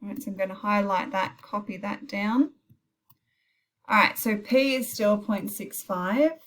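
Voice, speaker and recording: A woman's voice: mid-range voice, unhurried, fairly bright tone. Woman teacher talking through a maths tutorial. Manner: thinks aloud with self-corrections and brief apologies. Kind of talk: informal recorded maths tutorial, talking through calculator steps. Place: recorded while heavy rain pours outside.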